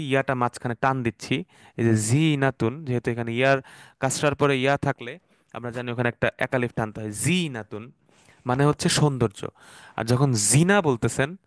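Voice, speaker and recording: A man's voice: medium pitch, no echo, studio quality. Patient male Arabic teacher. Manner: patient, repeats words slowly, mixes English terms. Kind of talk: explanatory online class.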